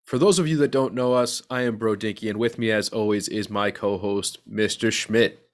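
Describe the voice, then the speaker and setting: A man's voice: on the low side, steady tone, normal speed. A man hosting a podcast in casual, colloquial chat, talking like he's with a buddy. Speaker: podcast host.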